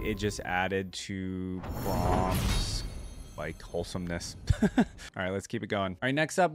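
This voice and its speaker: Speaking on the low side against a noisy background, a man reacts to a video with loose, slangy commentary. His remarks come as informal running asides, and the clip's music can be heard in the background.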